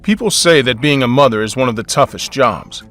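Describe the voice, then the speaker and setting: Brief: young man, mid-pitched voice, wry and exasperated first-person storyteller. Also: lively intonation, fairly quick, fairly bright tone, soft background music. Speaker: narrator.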